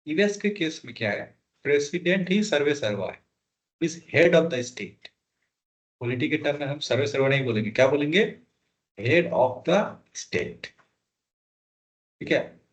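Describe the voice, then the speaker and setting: A man teaching a polity lesson for exam prep, asking students questions and repeating key terms. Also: medium pitch. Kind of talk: classroom lecture, Hindi mixed with English.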